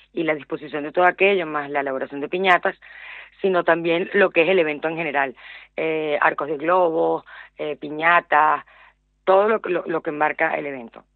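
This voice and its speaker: Over a dry, tinny phone connection with no echo, a low-pitched middle-aged woman speaks as a radio interview guest. She runs a small business, has a Venezuelan accent, and talks haltingly, repeating words and using many fillers.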